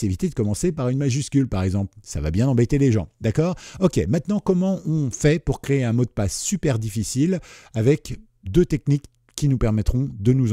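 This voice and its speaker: A man's voice: mid-range voice, dark tone, husky, no echo, clean studio sound. A man with a French accent hosting a computer tutorial, explaining casually and checking in with the viewer often. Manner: chatty, checks in with "d'accord?" often.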